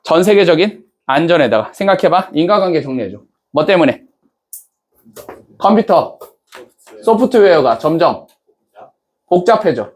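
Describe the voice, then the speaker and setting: A man's voice: on the high side, sing-song, normal speed, pauses often. A man teaching an English class, casually checking in with students and asking them questions as he goes. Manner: casual banter-style speech to students. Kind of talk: classroom lecture.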